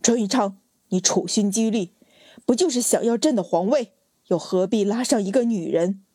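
Woman doing a stern cold emperor, measured, commanding, mellow husky voice, dry close sound. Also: medium pitch, no room sound, close to an everyday voice.

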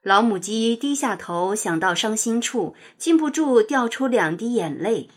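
A woman narrating a children's picture-book story in a gentle, expressive reading style. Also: on the high side, a little slow.

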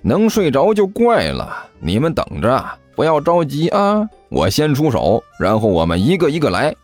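A male narrator voicing a loud, fawning chubby man who yells and bangs on doors in an audiobook story. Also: wildly swooping pitch, normal speed, faint music behind. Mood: sly. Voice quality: booming, yelling.

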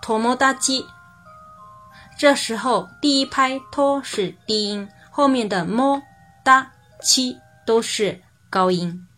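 A woman teaching Japanese pitch accent in a lesson, explaining patiently and repeating example words slowly for learners to copy. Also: a bit bright, faint music behind. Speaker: language teacher.

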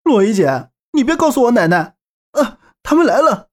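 Guy doing a high shrill young dude begging for help, voice jumps all over the place. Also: very animated, normal speed, exaggerated voice. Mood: pleading. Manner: shrill, pleading then defiant. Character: panicky cheeky young man in trouble. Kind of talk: audiobook character voice.

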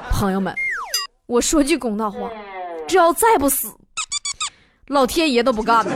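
Lively Northeastern Chinese woman storyteller. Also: high voice, noisy background. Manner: chatty, teasing, laughs often, dialect slang. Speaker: host. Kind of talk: comedic history storytelling.

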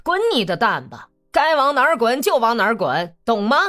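A woman reads out a hot-tempered young Cossack man, his voice pitched high and swinging wildly as he sneers and hurls threats. The storybook delivery is lively and loud, with faint music underneath. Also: normal speed. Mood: furious.

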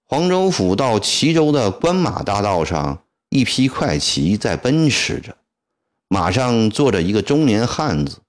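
A man narrating a historical tale in a dramatic, expressive traditional storytelling style. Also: mid-range voice.

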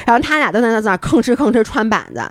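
A woman co-hosting a podcast, telling a story in casual chat, animated and acting out scenes as she goes. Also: fairly high pitch, racing, dry recording, clean studio sound. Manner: animated, interrupts, acts out scenes. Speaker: podcast co-host.

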